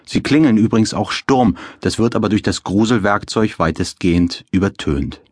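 Male author-narrator, wry deadpan storytelling; low, husky, close dry studio sound. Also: normal speed, no room sound. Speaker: author reading his own novel. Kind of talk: audiobook narration.

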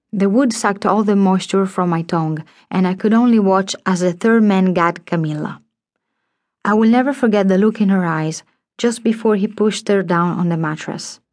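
A woman reading an audiobook in the first person, measured and intimate, as if telling her own child the story. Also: mid-range voice, no echo. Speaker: audiobook narrator.

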